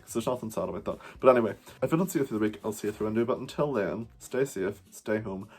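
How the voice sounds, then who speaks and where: A man's voice: fairly low pitch, expressive, fast talker, darkish tone, husky. A man in drag doing a casual, rambling vlog review at home, swearing freely and often saying "wee". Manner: uses the word wee. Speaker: drag performer reviewing a TV show.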